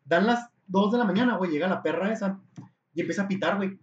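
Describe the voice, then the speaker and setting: A man's voice: high voice, fast. A young man with a Mexican Spanish accent tells a story in casual chat, full of crude slang. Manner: animated, crude slang, acts out voices in his story. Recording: echoey room, dull lo-fi sound.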